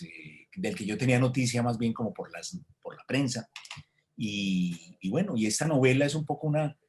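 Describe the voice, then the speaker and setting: A man, an author answering interview questions in a reflective way, with hesitations and restarts, over a video call. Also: mid-range voice. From Colombia. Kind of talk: thoughtful conversational answer.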